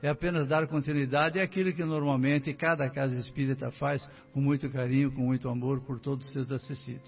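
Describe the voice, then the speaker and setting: An older Brazilian man, a guest on a casual radio talk show, warmly tells his life story and speaks directly to listeners. His voice is mid-range and gravelly, with a level tone and a slightly fast pace. The studio mic sounds muffled and distant.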